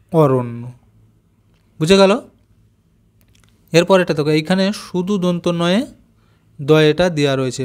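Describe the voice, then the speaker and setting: A man teaching young children a reading lesson, patiently spelling out joined letters and saying each word slowly. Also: fairly high pitch, a little mellow. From West Bengal, India. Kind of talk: primary school reading lesson.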